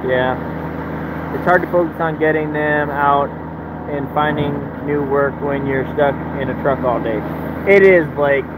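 In an unhurried, fairly high-pitched voice, a man in his thirties rambles casually and laid-back into his phone from inside his truck cab. He owns a truck business and is recording a talking-head vlog with the phone held at arm's length. Engine noise is audible on the phone recording.

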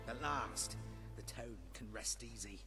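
An actor playing a worried, grudging villager in a video game. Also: male voice, medium pitch, measured pace, over music, close to an everyday voice. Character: fretful male villager, wary of chickens.

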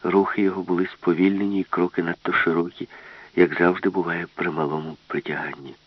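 A man reading a science-fiction story as an audiobook narrator, in a steady, even way. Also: low voice, brisk, highs cut off. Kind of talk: scripted narration.

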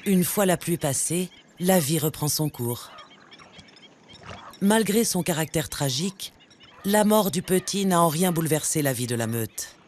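A man reads scripted nature documentary narration in a measured, dramatic storytelling way. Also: a little high, lively intonation, slight background noise. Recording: music bed under the narration. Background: background music, animal sounds.

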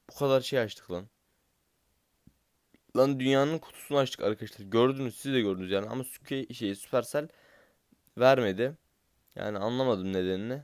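Young male gaming commentator, impatient and cursing, smooth voice, dry close sound. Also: mid-range voice, darkish tone, no echo. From Turkey. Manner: frustrated, impatient, swears at the game. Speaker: gaming YouTuber.

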